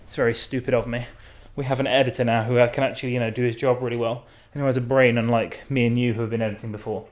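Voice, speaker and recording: A man's voice: mid-range voice, flat delivery, rapid-fire, few pauses. A man chatting casually to camera as a fashion vlogger, self-mocking and sweary, often trailing off and restarting his sentences. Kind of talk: casual rambling chat to camera.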